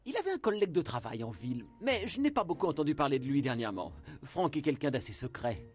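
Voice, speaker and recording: A woman reading the lines of a mild-mannered, reserved man in measured, hesitant replies. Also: sits low, very animated, darkish tone, pitched below the performer's own voice. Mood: calm.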